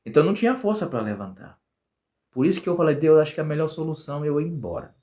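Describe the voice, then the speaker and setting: A man's voice: on the high side, animated, racing, warm tone. A man from Bahia with a Bahian accent, a guest telling a personal testimony in an earnest, emotional way and repeating phrases for emphasis. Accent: Bahian Portuguese. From Bahia, Brazil.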